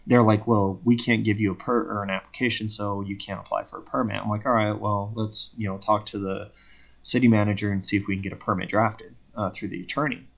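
Gravelly low-voiced man telling a story. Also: fairly quick, muffled recording. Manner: animated retelling that acts out both sides of conversations. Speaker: podcast guest. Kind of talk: casual storytelling.

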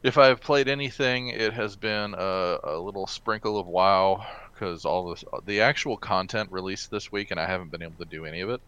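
Deep, smooth-voiced man chatting casually. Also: moderate pace, few pauses, fairly bright tone, muffled recording. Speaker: podcast co-host. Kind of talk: casual podcast chat.

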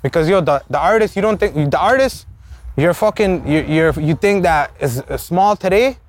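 A man's voice: fairly high pitch, lively intonation, moderate pace. A man with a Toronto urban street accent giving a casual, slang-heavy interview, emphatic, swearing freely and often adding tag questions. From Toronto, Canada. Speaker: rapper being interviewed. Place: outdoors in a neighbourhood. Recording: faint outdoor background noise.

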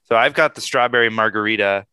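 A man's voice: fairly low pitch, quick pace, pushed and bright, clean tone, dry recording. A man co-hosting a casual tasting show, chatting with friends and steering them along. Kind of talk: casual chat among friends.

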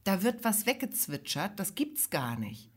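A woman's voice: mid-range voice, big pitch swings, a little slow, husky. A woman co-hosting a casual podcast, telling a rambling, self-mocking comic story. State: recovering from illness. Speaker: podcast co-host. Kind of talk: casual comedic chat.

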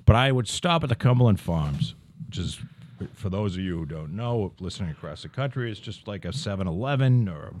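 A man's voice: fairly low pitch, expressive, brisk, darkish tone. A man in his fifties co-hosting a podcast in casual chat, rambling and swearing as he goes. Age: 50s. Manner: profane, rambling, trailing off. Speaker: podcast co-host.

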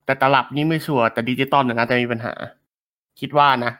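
A man on a casual gaming talk show, chiming in with quick remarks. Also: medium pitch, steady tone, sharp tone, smooth.

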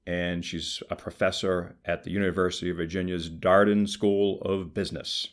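Low-voiced host, measured delivery. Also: male voice, level tone. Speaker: podcast host. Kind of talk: podcast interview.

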